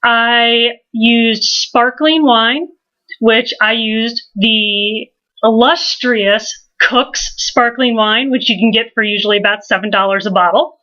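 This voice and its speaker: Woman host, casual vlog, slightly high voice, easygoing rambling delivery, dull lo-fi sound. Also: fairly even intonation, slow, pushed and bright. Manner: chatty, rambling, self-deprecating. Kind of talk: casual drink-making vlog.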